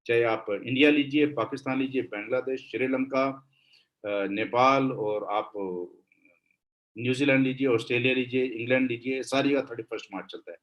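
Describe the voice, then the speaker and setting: A man with an Indian accent teaching accounting in a classroom lecture, switching between Hindi and English and slowing down to dictate definitions. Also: mid-range voice, steady tone, lo-fi sound.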